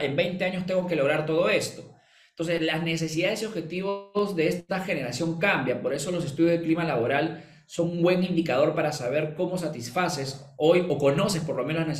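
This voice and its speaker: A man's voice: fairly high pitch, reverberant. A man with a Peruvian accent, answering an interview question as a legal management consultant and explaining with rhetorical questions and quoted examples. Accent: Peruvian Spanish. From Peru.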